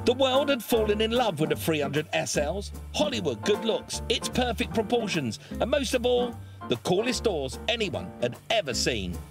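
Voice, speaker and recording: A man narrating a documentary in a lively, emphatic scripted delivery. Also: sits high, moderate pace, vocal fry. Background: background music.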